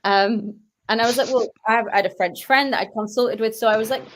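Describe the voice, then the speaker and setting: A young sketch comedian and actress from Barrow-in-Furness, Cumbria, chats animatedly as a podcast guest in a Northern English accent, spinning stories with quoted asides. Her voice sits on the high side with a steady tone and a fast pace, over slight background noise.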